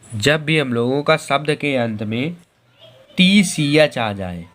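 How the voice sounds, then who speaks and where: A male teacher giving a slow spelling lesson, spelling out letters one by one and repeating each word several times. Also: mid-range voice, expressive, fairly bright tone, a little hiss or hum. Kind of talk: Hindi spelling and pronunciation lesson.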